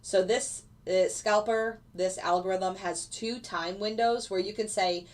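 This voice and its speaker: A woman's voice: mid-range voice, fairly even intonation, measured pace. A woman with a stuffy, congested voice from a cold, explaining her live trades casually and answering viewer questions with fillers. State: stuffy nose from a lingering cold. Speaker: futures day trader streaming live. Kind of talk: live trading commentary answering chat.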